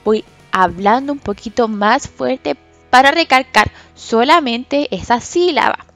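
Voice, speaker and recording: A woman teaching a recorded lesson to children, speaking slowly and patiently and stretching out example words with loud stress on syllables. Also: a little high, soft background music. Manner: slow, patient, stresses syllables loudly and drawn out when giving example words. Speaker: special education teacher.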